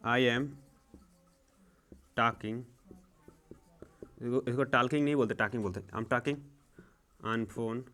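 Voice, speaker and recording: A young man teaching English grammar in a slow, repetitive way, checking in often. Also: medium pitch, a bit bright. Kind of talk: classroom-style grammar lesson.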